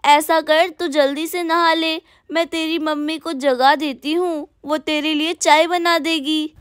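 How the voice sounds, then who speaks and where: Bossy old grandmother, put on by a woman, scolding, high voice, slow, storybook. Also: steady tone, dry recording, studio quality.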